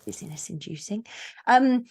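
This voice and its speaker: A woman's voice: medium pitch, expressive, normal speed, slightly rough. A woman hosting an online book launch over a video call, chatty and playful, teasing the audience and owning up to being a stickler for the rules. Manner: self-described stickler for rules. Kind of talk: casual chat on a video call. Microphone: video call mic.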